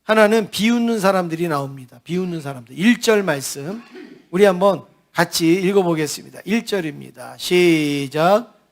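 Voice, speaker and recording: A man's voice: high voice, expressive, fairly quick, vocal fry. A man preaching a sermon as a pastor, asking the congregation questions as he goes. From South Korea.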